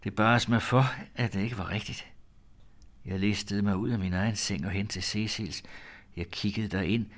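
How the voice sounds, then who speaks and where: A man reading an old-fashioned first-person story aloud in a measured, grave way. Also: lowish voice, steady tone.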